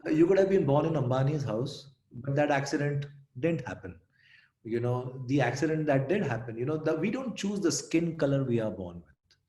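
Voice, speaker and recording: A man's voice: medium pitch, normal speed. Man telling stories, echoey room. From India. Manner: animated anecdotes, voices quoted people. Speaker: storyteller and guest. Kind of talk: conversational interview.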